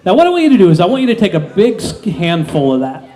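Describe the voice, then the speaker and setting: A man's voice: high-pitched, sing-song, quick pace, dark tone. A man hosting a live stage hypnosis show, giving instructions to volunteers conversationally and repeating his phrases, over an amplified mic. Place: open-sided pavilion stage at night.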